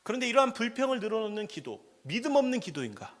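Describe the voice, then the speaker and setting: A male preacher with a high, very lively voice delivers a sermon at a prayer meeting. He puts questions to his listeners and swings between hushed asides and loud, impassioned cries. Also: fast talker. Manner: asks the congregation questions.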